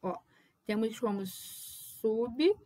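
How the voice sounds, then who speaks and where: A young adult woman with a bright, high voice gives a whiteboard lesson in Portuguese grammar. She checks in with her students often and calls out example words loudly to show where the stress falls. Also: expressive, slow. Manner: explains patiently with frequent check-ins. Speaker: Portuguese teacher.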